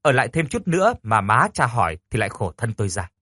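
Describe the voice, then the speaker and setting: A man narrating a first-person romance story in a lively way, stammering when his characters speak. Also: medium pitch, quick pace, breathy edge, dry recording.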